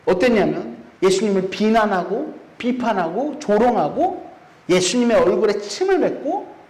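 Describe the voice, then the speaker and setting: A man's voice: sits high, animated, moderate pace, darkish tone. A man preaching a sermon in a church, often putting rhetorical questions to the congregation. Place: church sanctuary. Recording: echoey church room.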